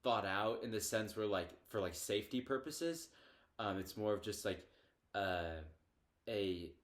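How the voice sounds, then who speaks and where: A man's voice: fairly low pitch, animated, unhurried. A teenage boy co-hosting a podcast in casual chat, talking loosely with many fillers and restarts. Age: teens. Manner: hesitant, lots of fillers and restarts. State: hiccups. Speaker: podcast co-host.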